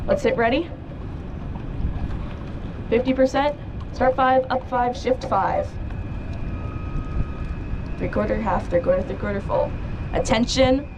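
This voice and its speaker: A woman's voice: fairly high pitch, steady tone, slow pace, pauses often, highs cut off. A young woman making rowing coxswain calls in clipped, commanding counts and orders from a boat outdoors. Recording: loud wind and water noise outdoors. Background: wind, water, boat noise.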